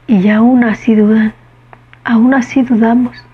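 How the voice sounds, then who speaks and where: A woman's voice: fairly high pitch, level tone, slow pace, breathy edge, highs cut off. A woman giving a conversational Gospel reflection, often asking her listeners questions. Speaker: preacher.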